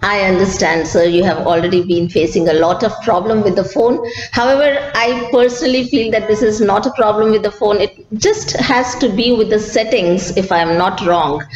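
A woman with an Indian accent playing a calm, reassuring customer service executive, speaking in a polite, formal customer service voice. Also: medium pitch, moderate pace, hardly any pauses, lightly acted. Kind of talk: customer service role-play. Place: small office with bare walls. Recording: echoey room, dull sound, faint noise.

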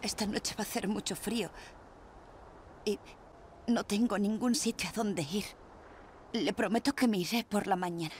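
A woman's voice: medium pitch, normal speed, long pauses, a little mellow, a little hiss or hum, natural voice. An actress voicing a tough, worn-out young woman drifter in a dubbed video game, blunt and snappy one moment, pleading with strangers the next.

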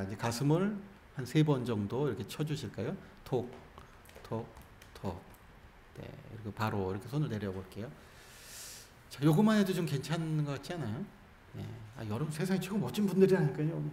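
A man's voice: medium pitch, lively intonation, brisk, mellow, a little hiss or hum. A man, a Buddhist monk, giving a Sunday dharma talk and coaxing his listeners through call-and-response practice with jokes. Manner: playful, coaxing, jokes with the audience. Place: temple hall. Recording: roomy hall with faint ambience.

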